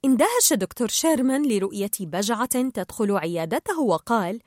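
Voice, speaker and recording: A woman narrating a children's storybook aloud in an expressive, lively way. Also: a little high, a little fast, dry recording, clean studio sound.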